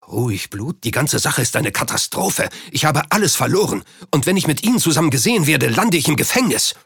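A man's voice: mid-range voice, big pitch swings, fairly quick, vocal fry, a bit bright, slightly rough, no room sound, clean studio sound, full character voice. A man doing a panicky aging tycoon. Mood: panicked. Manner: raised, agitated and clipped.

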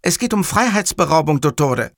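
A man's voice: fairly high pitch, very animated, moderate pace, a bit bright, no room sound, clean studio sound, voice pushed up. A man voicing a dutiful, matter-of-fact male police sergeant who reports formally and politely. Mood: earnest.

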